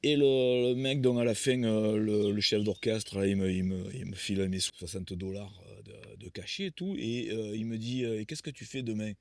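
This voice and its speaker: A man's voice: lowish voice, moderate pace, creaky, few pauses, darkish tone, dry recording. A man in his sixties, a musician being interviewed, telling anecdotes in a rambling way with many restarts. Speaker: musician guest. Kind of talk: conversational storytelling interview.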